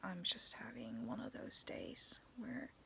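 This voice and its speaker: Whispering softly into a phone or webcam held at arm's length, a young woman tells her viewers a ghost story in a casual vlog from a dim bedroom strung with fairy lights. Her raspy, cracking voice rumbles low with a sing-song lilt, a little slow, and she giggles now and then.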